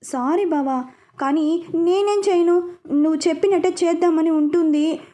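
A woman's voice: very high voice, normal speed, mellow, pitched above the performer's own voice. A woman voicing an emotional, pouting young bride in a spoken story.

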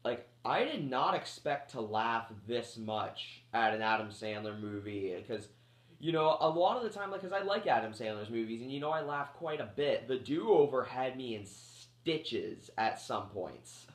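Still shaking off a cold that has him coughing, a man around thirty gives a rambling, filler-heavy movie review full of restarts. He sounds animated, with a medium pitch and measured pace, recorded in an echoey space.

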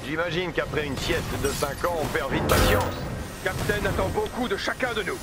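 A man's voice: on the high side, moderate pace, vocal fry. An actor playing a sarcastic armored male superhero in a video game, flippant and teasing. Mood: wry banter. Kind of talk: video game voice acting, French dub. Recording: very loud game music and action.

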